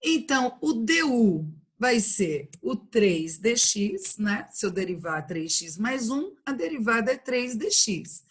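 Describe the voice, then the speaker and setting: A woman's voice: on the high side, big pitch swings, slow, few pauses, slightly rough. A woman with a Brazilian accent teaching an online calculus class, patiently explaining each step and checking in with her students. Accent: Brazilian Portuguese. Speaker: math teacher.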